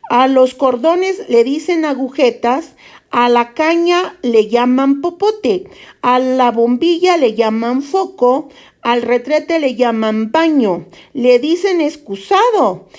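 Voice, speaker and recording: Brief: exasperated Spanish exile griping about local speech, read by a woman, mocking and raised in pitch. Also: animated, slow, darkish tone. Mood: indignant mockery. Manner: mocking, indignant, exclamatory. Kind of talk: dramatic reading of a play scene.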